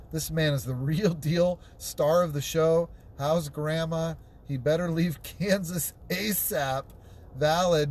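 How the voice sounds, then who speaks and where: A man hosting a call-in show while driving, reading viewer comments out loud and chatting casually, often stumbling and repeating words. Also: a little high, slight background noise. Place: inside a car, driving.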